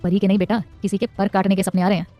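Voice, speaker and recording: A woman's voice: mid-range voice, flat delivery, rapid-fire, dark tone, faint music behind, close to an everyday voice. Woman doing a menacing young boss. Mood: sly. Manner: curt, threatening. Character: hot-tempered young male boss, menacing.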